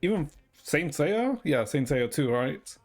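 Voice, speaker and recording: This livestreamer from Ecuador has a fairly high, sing-song voice and talks a little slowly. He chats casually and meanders with his viewers, swearing freely, while music plays.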